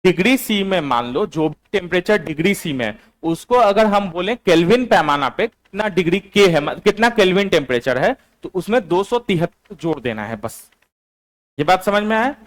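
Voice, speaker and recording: A man teaches in a high, light voice. He dictates notes slowly, says each phrase twice, and presses his online students for answers. His voice sits well above the usual male range. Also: lively intonation. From Bihar, India. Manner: slow and repetitive, quizzing online students. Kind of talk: classroom lecture, dictating notes.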